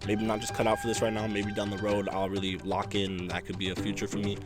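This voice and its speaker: A man's voice: fairly low pitch, level tone, fast, loud music behind the voice. A young man being interviewed as an amateur fighter, chatting casually in a laid-back, slangy way with some swearing. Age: young adult.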